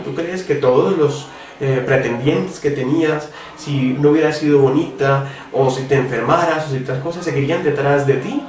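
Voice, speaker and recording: A man's voice: a little high, a little mellow, far from the mic. Earnest preacher man, roomy echo. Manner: earnest, conversational, addresses the listener directly with rhetorical questions. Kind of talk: spoken devotional reflection. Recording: roomy echo, voice from off the mic, faint music.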